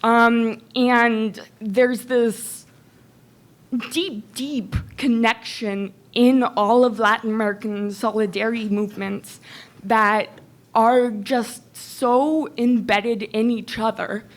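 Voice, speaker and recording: A woman's voice: a little high, fairly even intonation, slow pace. A woman from El Salvador, an audience member, asking a long, reflective question at a public Q&A with many "um" and "like" fillers.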